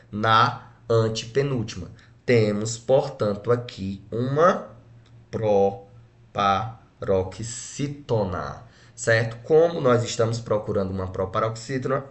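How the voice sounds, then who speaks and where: A Brazilian man teaching a grammar lesson, splitting words syllable by syllable and checking in with short tag questions. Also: medium pitch. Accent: Brazilian Portuguese. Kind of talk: exam-prep grammar lesson.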